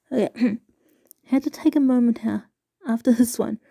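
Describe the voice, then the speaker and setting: Slow, dark-voiced woman reading aloud. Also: a little high, steady tone, creaky. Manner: halting, stumbling reading with soft asides. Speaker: video creator reading excerpts aloud. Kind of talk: casual reading aloud with commentary.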